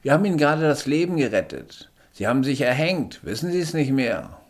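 A man voicing a brisk, sarcastic male paramedic who is proud of his work, in a read-aloud story. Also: mid-range voice, very animated, voice pushed up. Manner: sarcastic, matter-of-fact. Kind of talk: audiobook character voice.

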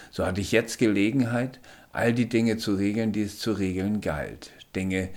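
A man reading a first-person story aloud in a measured, introspective way. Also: fairly low pitch. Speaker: narrator. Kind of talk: first-person audiobook narration.

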